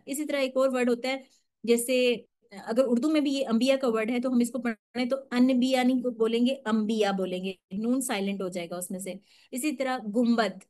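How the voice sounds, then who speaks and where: A woman gives an online tajweed lesson, likely over a video call. She explains each rule patiently, step by step, and slows right down to model drawn-out recitation. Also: on the high side, a little mellow. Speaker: Quran recitation teacher.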